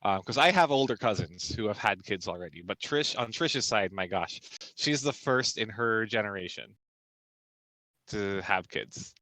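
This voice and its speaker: Bright-voiced chatty young man. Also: fairly low pitch, normal speed, no room sound, low-quality recording. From Philippines. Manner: relaxed, chatty, laughs often. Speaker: co-host. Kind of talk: casual chat about tabletop games. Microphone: voice call while driving.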